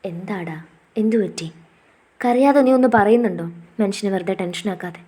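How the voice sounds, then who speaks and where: A woman voicing a caring young husband who speaks softly and coaxingly. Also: medium pitch, normal speed, husky, close to an everyday voice. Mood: worried. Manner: soft, coaxing.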